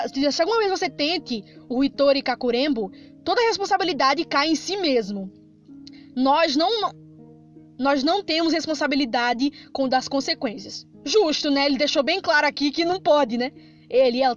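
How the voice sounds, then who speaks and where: A woman with a Brazilian Portuguese accent doing Let's Play commentary, chatty, reading game text aloud and reacting with quick jumps of fright. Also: high-pitched, lively intonation. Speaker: gaming streamer. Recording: slightly dull lo-fi sound with game music.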